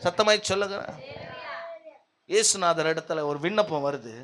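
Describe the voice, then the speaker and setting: High, bright-voiced man preaching loudly. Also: moderate pace, slight background noise. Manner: calls often for amens and hallelujahs from the congregation; swings between loud declarations and low, quiet asides. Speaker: pastor. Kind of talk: sermon. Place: church service.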